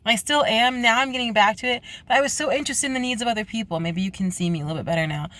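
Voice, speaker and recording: A young woman speaking earnestly in a confessional late-night vlog from her parked car, halting and restarting often. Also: on the high side, fairly bright tone. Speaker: vlogger.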